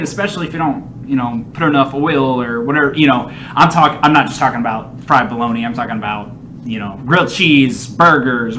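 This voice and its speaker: A man's voice: mid-range voice, a bit bright, a little hiss or hum. A man giving casual, rambling, profanity-laced reaction commentary with strong opinions and an easy tendency to laugh. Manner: often breaks into laughter. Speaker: reaction video host.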